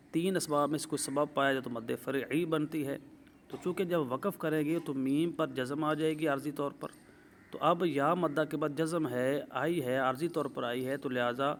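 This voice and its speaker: A male Quran recitation teacher gives a tajweed lesson in a fairly high voice, with a faint hiss in the background. He is methodical, laying out the rules step by step and checking in with "ٹھیک ہے؟". His demonstrations of recited words are slow and drawn out.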